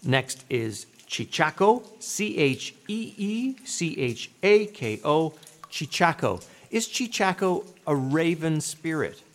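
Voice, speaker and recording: A man hosting a scripted quiz, speaking deliberately and setting out words clearly. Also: on the high side. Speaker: quiz show host.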